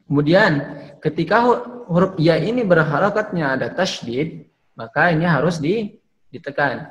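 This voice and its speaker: A man teaching Quran recitation, explaining letter sounds and modeling slow, drawn-out recitation for his students. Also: fairly high pitch, expressive, a bit bright, muffled recording. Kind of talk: online tajwid class with drills.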